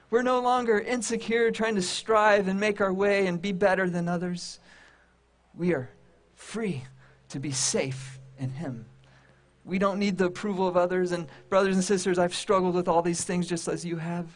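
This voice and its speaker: High-voiced male preacher, emphatic and repetitive. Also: fairly even intonation. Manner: emphatic, repetitive phrasing with dramatic pauses. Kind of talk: sermon to a congregation and online audience.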